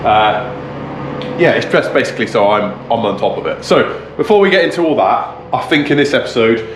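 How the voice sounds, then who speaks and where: A man talking casually to camera in a rambling, informal walk-through, with a tractor rumbling behind him. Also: animated, a little fast, a bit bright. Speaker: car restoration vlogger, presenter. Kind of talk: casual vlog talk to camera. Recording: roomy echo, faint background noise. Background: tractor rumbling outside.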